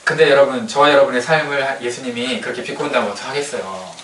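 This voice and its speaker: A man preaching a sermon in a relaxed, conversational way, checking in with his congregation and slipping in joking asides. His voice sits at a middling pitch. It comes from a distant mic in an echoey church, with faint noise underneath. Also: fast. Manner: conversational, keeps asking the congregation "right?". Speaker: pastor.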